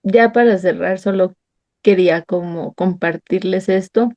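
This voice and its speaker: In an unhurried, lowish voice captured on dull audio, a woman with a Mexican accent guides a Bible study. Her testimony is personal and heartfelt, delivered as warm storytelling in which she plays out conversations from memory.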